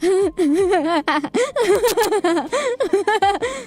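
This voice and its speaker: A woman's voice: high-pitched, sing-song, slow pace, faint music behind, exaggerated voice. A woman voicing a blunt, teasing young woman. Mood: wistful. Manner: blunt and teasing, swings to loud outbursts.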